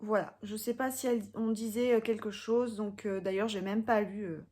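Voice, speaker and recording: A woman's voice: medium pitch, steady tone, moderate pace, dark tone. Chatty young woman reviewing makeup. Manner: chatty and hesitant, with many fillers. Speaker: beauty vlogger. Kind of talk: casual product review.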